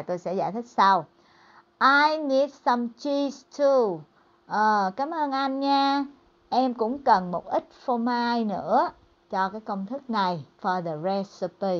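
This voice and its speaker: In a bilingual English lesson, a woman teacher carefully and slowly reads out lines of dialogue, then breaks them down in a conversational way. She has a slightly mellow mid-range voice, captured on dull-sounding audio.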